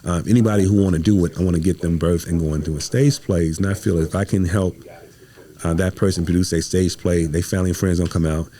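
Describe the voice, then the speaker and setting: A Midwestern American stage playwright, appearing as a podcast guest, tells stories in a low, mellow voice with fairly even intonation and a quick pace. He is slangy and emphatic, acting out the conversations he quotes in this animated, casual interview.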